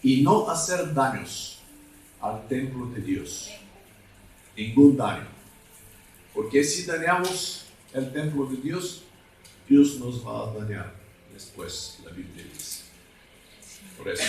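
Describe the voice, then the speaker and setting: A man preaching a deliverance sermon as an evangelist, speaking in a slow, halting way and sometimes asking the congregation for a word. His is not the one he preaches in. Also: mid-range voice, a little mellow, a little hiss or hum. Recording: echoey hall, mic at a distance.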